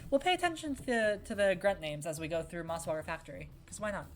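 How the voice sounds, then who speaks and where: Young woman game dev, low voice, chatty, easily sidetracked commentary. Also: lively intonation, fast, slight background noise. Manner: chatty, wandering, answers chat. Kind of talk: casual let's-play commentary.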